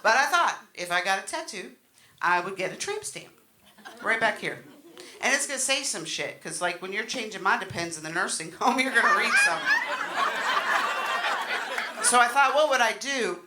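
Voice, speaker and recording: A woman's voice: medium pitch, expressive, moderate pace, pauses often. A middle-aged woman doing a live stand-up set, telling stories in a brash, bawdy, self-deprecating way. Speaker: stand-up comedian. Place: comedy show in front of an audience. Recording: noisy live room with loud audience laughter. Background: loud crowd laughter and noise.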